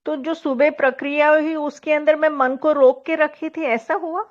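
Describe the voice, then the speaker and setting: A woman's voice: high-pitched, fairly even intonation, moderate pace, highs cut off. A woman asking a spiritual teacher questions in a live session, searching for words and often starting over. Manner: hesitant, searching for words, many restarts.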